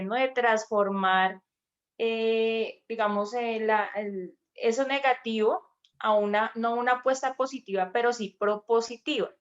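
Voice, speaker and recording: A woman's voice: a little high, highs cut off. A woman, a schoolteacher, hesitantly asking a question in an online workshop, with many fillers. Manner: hesitant, full of fillers like "digamos". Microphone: video call.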